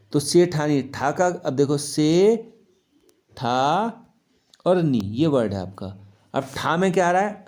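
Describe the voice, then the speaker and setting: A man's voice: fairly high pitch, darkish tone. A man teaching children a grammar lesson, asking questions and answering them himself, repeating key words and checking if they follow.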